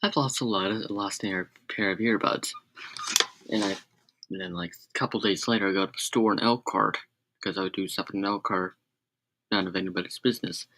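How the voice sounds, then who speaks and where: A man's voice: sits low, brisk, pushed and bright. A man rambling on a casual live stream, correcting himself and adding sarcastic asides.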